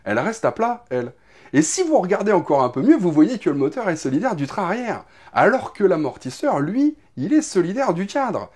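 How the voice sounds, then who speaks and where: A man hosts a motorbike news show with biting sarcasm and plenty of fillers. His voice sits a little high and swings widely in pitch. He jokes and teases his listeners constantly. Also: big pitch swings, brisk, darkish tone, husky. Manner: mocking, joking, laughs often, lots of fillers. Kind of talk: sarcastic casual commentary.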